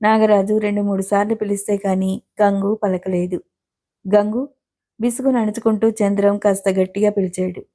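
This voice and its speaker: Woman narrator for a novel audiobook, warm and mellow, steady storytelling. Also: mid-range voice, a little fast. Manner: even storytelling, softly voicing each character's lines.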